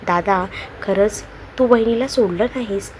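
A woman's voice: mid-range voice, measured pace, a little hiss or hum, lightly acted. A woman voicing a cheeky young sister-in-law who teases her brother. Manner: teasing.

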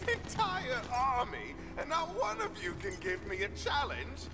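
A man's voice: very high-pitched, huge pitch swings, unhurried, music in the background, full character voice. A man voicing an arrogant, theatrical fantasy villain lord, speaking in mocking, grandiose video game dialogue.

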